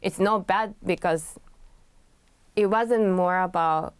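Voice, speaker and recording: Soft-spoken woman, low voice. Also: slow, smooth, no echo. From Japan. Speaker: pianist guest. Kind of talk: conversational interview.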